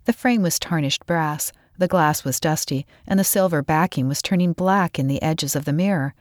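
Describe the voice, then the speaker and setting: Brief: woman storybook narrator, low and expressive, dry mic. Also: no room sound. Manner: expressive, measured.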